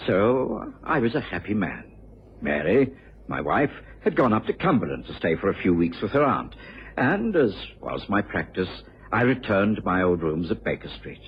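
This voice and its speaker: A muffled old radio recording of a gentleman doctor telling his tale. His low voice moves expressively through measured, literary storytelling, contented and genteel. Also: slight background noise. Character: Doctor Watson, contented married gentleman doctor, narrating. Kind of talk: old-time radio drama narration.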